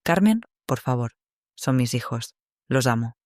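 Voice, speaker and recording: A man's voice: mid-range voice, very animated, measured pace, a little mellow, dry recording, clean studio sound. A man voicing a cornered young mother who pleads over the phone in a raised voice. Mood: pleading.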